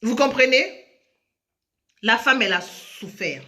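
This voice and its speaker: Lively woman storyteller, casual; high, bright voice. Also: takes it slowly. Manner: lively, switching between French and another language, addressing listeners directly.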